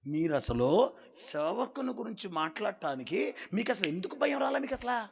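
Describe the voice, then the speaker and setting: A man preaching a sermon as pastor, calling on the congregation to answer back and swinging between shouted lines and quiet asides. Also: sits high, sing-song, normal speed, breathy edge. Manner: preaching with call-and-response to the congregation.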